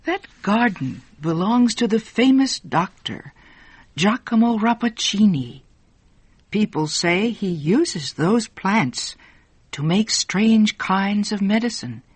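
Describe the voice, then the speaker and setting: List: narrator doing brisk older landlady, lively pitch, slow careful delivery, dry sound. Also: slightly rough, no room sound. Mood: matter-of-fact.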